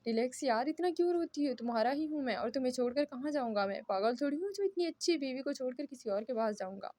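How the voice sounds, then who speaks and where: A woman's voice: sits high, expressive, fast talker, warm tone, no echo. A woman reading as a young husband. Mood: affectionate. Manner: coaxing, indulgent. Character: young husband, gruff then affectionate. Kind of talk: storybook reading.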